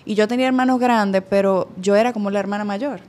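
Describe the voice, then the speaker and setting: A woman's voice: mid-range voice, quick pace. A woman guest, telling stories candidly in a casual podcast chat and acting out quoted voices. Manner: candid, animated storytelling with lively quoted voices.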